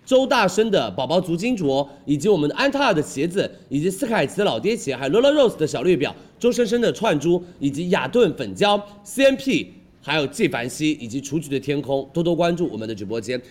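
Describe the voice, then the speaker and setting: A man hosting a live shopping stream with a hard-sell pitch, urging viewers on and checking in with tag questions. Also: sing-song, a little fast. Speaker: livestream shopping host.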